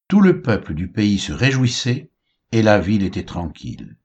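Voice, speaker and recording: A man reads scripture aloud in a measured, expressive way. His voice sits fairly low and has a husky edge, and his intonation moves widely through each sentence. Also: lo-fi sound. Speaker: Bible reader. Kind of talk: scripted Bible reading.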